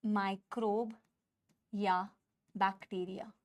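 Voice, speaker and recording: This is an online biology class led by a woman with an Indian accent who switches between Hindi and English and addresses students affectionately as "beta." She talks at a slow pace in a mid-range, level voice, and notes that she normally shouts in class.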